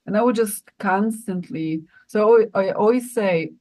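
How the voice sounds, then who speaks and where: A woman's voice: medium pitch, a little slow, a little mellow, low-quality recording. A woman co-hosting a spiritual podcast, talking in an earnest, rambling way with many restarts. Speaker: podcast co-host.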